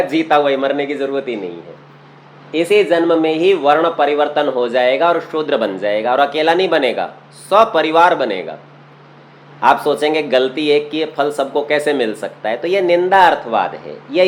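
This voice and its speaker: A man's voice: on the high side, a little hiss or hum. Hindi-speaking man teaching scripture. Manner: explanatory, asks rhetorical questions. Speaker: religious teacher. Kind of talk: scriptural study class. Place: courtyard of a memorial hall.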